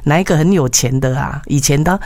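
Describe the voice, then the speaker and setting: A Taiwanese-accented woman co-hosts a laid-back call-in radio program in a mix of Mandarin and Taiwanese Hokkien, speaking emphatically and colloquially with lots of tag particles and repeated phrases. She has a deep, darkish voice, talks a bit fast, and there's no room sound.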